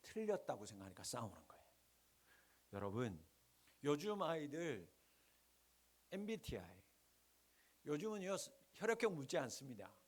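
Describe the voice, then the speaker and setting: A middle-aged male pastor from the Gyeongsang region, preaching with rhetorical questions and sharp swings between loud and hushed lines. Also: medium pitch, big pitch swings, moderate pace, pauses often. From Gyeongsang region, Korea. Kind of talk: sermon.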